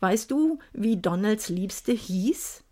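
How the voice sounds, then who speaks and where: A woman's voice: a little high, sing-song, a little slow. A woman voicing a cheerful, boastful young husband with a jaunty, teasing manner. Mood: earnest.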